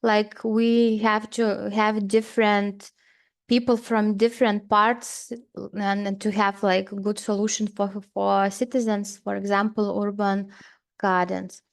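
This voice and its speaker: Slow, hesitant woman presenting. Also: medium pitch, little pitch movement, gravelly. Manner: hesitant, many pauses and fillers. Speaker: seminar presenter. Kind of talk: presenting slides at a seminar.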